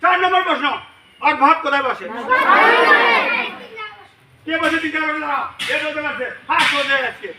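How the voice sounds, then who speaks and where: High-voiced teacher drilling a loud class. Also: male voice, fairly quick, long pauses, over a noisy crowd. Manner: loud, energetic, often shouting prompts to a class. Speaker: English teacher. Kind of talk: classroom call-and-response drill. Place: large classroom full of students. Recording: echoey classroom, distant mic, loud student chorus and noise.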